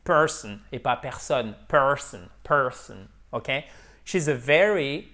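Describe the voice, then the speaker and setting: In a video lesson, a man teaching English drills pronunciation, repeating words and checking in with "ok?" as he switches between French and English. His mid-range voice is very animated, with a sharp tone and a slow pace.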